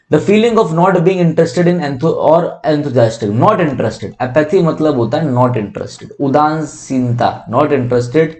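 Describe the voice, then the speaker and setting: A young male tutor with a mid-range, dark and mellow voice goes through an exam vocabulary list, explaining in Hindi sprinkled with English terms. He stretches each English definition out slowly, spells words letter by letter and keeps asking what the word is called.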